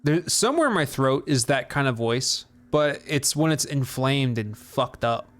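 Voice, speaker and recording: A man's voice: medium pitch, animated, a little slow. Casually swearing male game streamer. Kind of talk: casual gameplay commentary.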